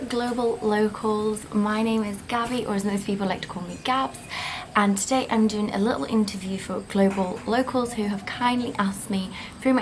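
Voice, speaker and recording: A woman's voice: medium pitch, background noise. Chatty woman in her twenties. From Poland. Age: 20s. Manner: relaxed, chatty, with frequent ums and likes. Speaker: interviewee. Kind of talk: casual talk to camera.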